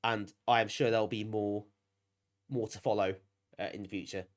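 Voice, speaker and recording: His voice is on the low side, steady in tone and moderately paced, though bunged up as he gets over a cold. A British man hosting a retro gaming stream, he talks casually to viewers, teasing himself and thanking them.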